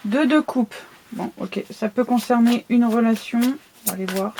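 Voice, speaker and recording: A woman's voice: fairly high pitch, moderate pace, background noise. A woman with a lisp from new dental braces, giving a casual, conversational tarot reading and often checking that the listener follows. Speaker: tarot card reader.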